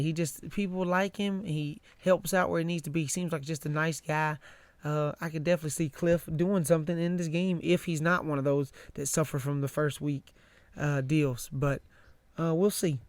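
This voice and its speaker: A man's voice: on the high side, fairly even intonation, normal speed, darkish tone, clear, resonant tone, no echo. Easygoing man, dry close sound. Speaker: podcast co-host. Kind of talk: casual chat.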